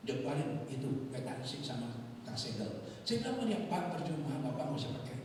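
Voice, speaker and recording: A man's voice: medium pitch, very animated, fast talker, background noise. A man, a pastor preaching a sermon, telling a personal story and acting out the voices of the people in it. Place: large church hall. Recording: echoey church hall, mic from a distance.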